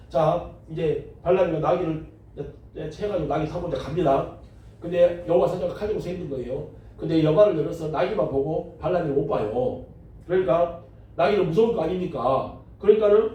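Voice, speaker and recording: A man pastor teaching a Bible class, telling the story in a lively way, joking and acting out the people in it. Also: on the high side. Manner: lively storytelling, jokes, acts out quotes. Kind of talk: Bible lecture. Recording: very echoey room, mic far off.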